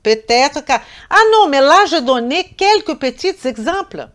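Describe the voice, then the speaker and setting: A woman's voice: high voice, very animated, measured pace, fairly bright tone. A woman with a foreign accent teaching a live online nutrition class. She talks emphatically, repeats words and corrects herself, and answers chat questions directly. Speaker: nutrition trainer.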